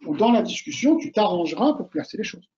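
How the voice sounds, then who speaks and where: A man, an author and oral exam coach, giving casual, animated advice and repeating his key points straight to the listener. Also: high-pitched, quick pace, dull audio, a little hiss or hum. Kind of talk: casual advice talk to students.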